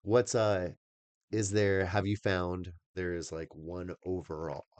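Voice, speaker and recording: Male podcast co-host, deep voice, animated and laughing often, dry close recording. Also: takes it slowly, no room sound. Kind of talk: casual chat.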